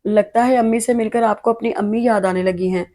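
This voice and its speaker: A playful young woman who has just graduated, teasing and lively, as a woman reads her lines. The voice sits fairly high and sounds soft and mellow. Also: fairly quick, lightly acted.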